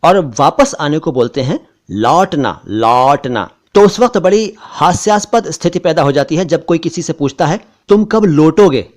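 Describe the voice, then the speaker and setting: A man hosting a language lesson, patiently explaining how words are pronounced and saying each word again slowly. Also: on the high side, lively intonation, darkish tone. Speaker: host and language teacher.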